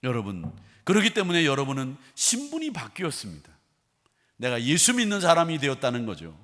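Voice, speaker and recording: A male pastor preaching a sermon, moving between loud, emphatic declarations and soft, hushed storytelling. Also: mid-range voice, huge pitch swings, a little fast. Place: church sanctuary. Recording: long reverb of a church hall.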